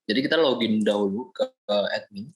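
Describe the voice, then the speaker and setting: Student guy narrating his app demo, lowish voice, lots of "eh" pauses. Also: low-quality recording. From Indonesia. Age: young adult. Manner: explains step by step, with frequent hesitation fillers. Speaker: student presenting a project demo. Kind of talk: screen-recorded software walkthrough.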